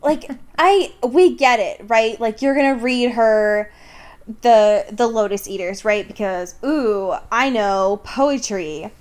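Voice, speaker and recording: Fairly high-pitched and taking it slowly, this young woman co-hosts a casual book podcast played for laughs. She swears, sounds exasperated and frequently mimics quotes mockingly, with clear background noise in the recording.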